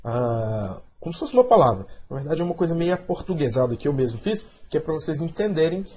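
A man's voice: a little high, very animated, warm tone, slightly rough. A man with a Brazilian accent teaching a beginner English lesson, pronouncing carefully and checking in with "ok?". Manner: slow, carefully spelled-out pronunciation with repeated "ok?".

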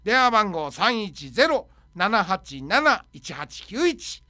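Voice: mid-range voice, big pitch swings, slow, bright, forceful tone, dry recording, clean studio sound. A radio host running a comic segment, punning and jumping between voices.

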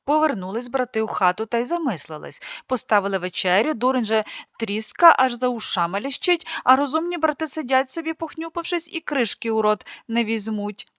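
A woman narrating a classic folk tale as an audiobook, with a lively expressive reading. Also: fairly high pitch, brisk, dry recording. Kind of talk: storytelling narration. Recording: dry, slightly muffled studio read.

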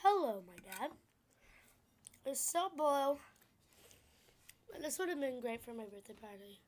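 A young girl films a casual food vlog at home, talking into a camera mic in a high-pitched voice with lively intonation. She's chatty and giggly and quick to say sorry. There's slight background noise.

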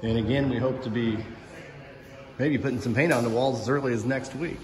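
A school superintendent gives an unscripted, matter-of-fact indoor walking tour, explaining as he goes while filming on a handheld phone. His medium-pitched voice is fairly even and a little fast. Loud construction noise fills the recording.

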